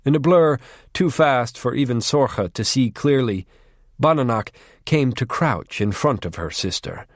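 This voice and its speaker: A man narrating an audiobook in a measured, even storytelling way. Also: medium pitch, dry recording, studio quality.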